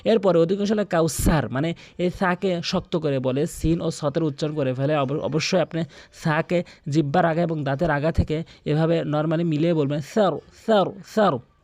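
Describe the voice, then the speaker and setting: Guy teaching recitation rules, fairly high voice, dry close sound, repeats each sound slowly. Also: steady tone, a little mellow, no echo. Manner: explains rules step by step, repeats sounds for practice. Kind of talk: tutorial lesson with recitation examples.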